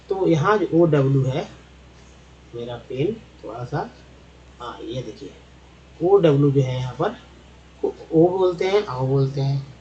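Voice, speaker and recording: Casting: man as patient online English tutor, slightly high, mellow tone, repeats sounds in drills; dull lo-fi audio with faint hiss. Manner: repeats each sound several times, addresses viewers as friends. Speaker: English teacher. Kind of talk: slide-based spelling and pronunciation lesson.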